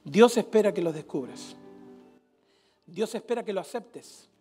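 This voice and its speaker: A man's voice: sits high, lively intonation, unhurried, dark tone, faint music behind. A middle-aged man, a pastor with an Argentine accent, preaching a storytelling sermon to a church congregation, telling funny anecdotes that rise into fervent exhortation. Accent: Argentine Spanish. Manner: humorous, acts out dialogue, builds to fervent exhortation.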